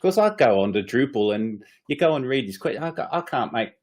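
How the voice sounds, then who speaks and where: In a casual podcast chat, a middle-aged male co-host vents his frustrations, swearing often and laughing throughout. His mid-range voice is brisk, very animated, and a touch mellow.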